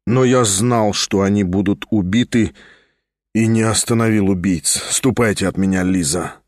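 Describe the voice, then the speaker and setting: A man's voice: lowish voice, dry recording, clean studio sound, voice pushed down, natural voice. A man doing a cold, brooding nobleman. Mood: grim. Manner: slow, flat and firm. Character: cold, brooding young nobleman, detached and grim.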